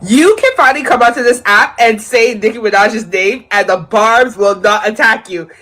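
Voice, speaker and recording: A woman's voice: on the high side, normal speed, a bit bright. A woman chatting in an amused way in a social media clip.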